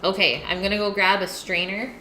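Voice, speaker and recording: Speaking a little fast in a medium-pitched voice with fairly even intonation, a woman runs a casual cooking livestream from her home kitchen. As she works, she talks with viewers and responds to their messages. Echo and background noise fill the kitchen.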